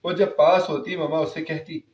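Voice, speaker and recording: A man's voice: a little high, steady tone, far from the mic. A man narrating an emotional first-person story in an earnest, heartfelt way. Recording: roomy, slightly dull recording.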